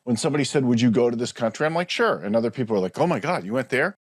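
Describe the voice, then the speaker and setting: A man in his forties, a business coach, telling his story in a relaxed conversational way on a video call and often tagging his points with "right?". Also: medium pitch, racing, no echo, studio quality. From United States. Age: 40s. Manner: reflective, frequent tag "right?".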